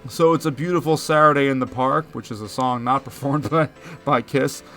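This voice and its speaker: Over faint background music, a Philadelphia-area man in his thirties hosts a casual movie recap, chatty and jokey with lots of puns. His voice is mid-range and a bit bright, at a moderate pace.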